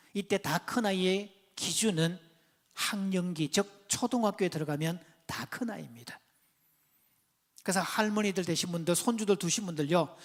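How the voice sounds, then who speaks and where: A man giving a church seminar lecture on parenting, telling counseling stories and asking the audience questions. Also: sits high. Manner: conversational, asks the audience questions; tells counseling stories and points at slides. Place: church hall before an audience.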